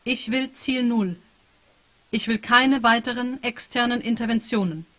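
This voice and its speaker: A woman voicing a rogue computer program, speaking slowly with formal, measured phrasing at an author reading. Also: a little high, fairly bright tone. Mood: puzzled. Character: stiff literal-minded rogue computer program. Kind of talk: author reading a novel aloud.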